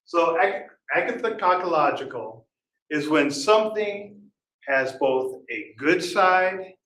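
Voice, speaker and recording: A man gives a laid-back conference talk, tossing questions to the crowd and laughing at his own stumbles. His voice sits slightly high. It echoes around a large hall. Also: expressive, slow pace, fairly bright tone, slight background noise. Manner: chatty, quizzes the audience, laughs at himself. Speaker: conference speaker. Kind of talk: casual conference talk with audience banter. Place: conference room. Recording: echoey hall, voice heard from a distance at times.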